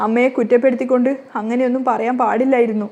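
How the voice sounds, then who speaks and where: A woman's voice: fairly high pitch, fairly even intonation, racing, a little mellow, highs cut off, lightly acted. A woman reading as a tearful pleading young woman. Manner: pleading, repeatedly calling out to her mother.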